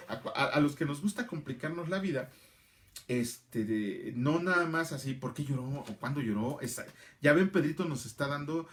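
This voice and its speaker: A middle-aged man, teaching a casual Bible class and answering viewers by name. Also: on the high side. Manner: chatty, answers viewer comments by name, repeats phrases.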